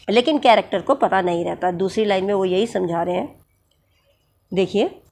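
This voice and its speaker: Patient woman teacher, higher voice. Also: darkish tone. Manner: explains patiently, slows down to read English definitions. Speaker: English exam teacher. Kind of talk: explanatory lesson mixing Hindi and English.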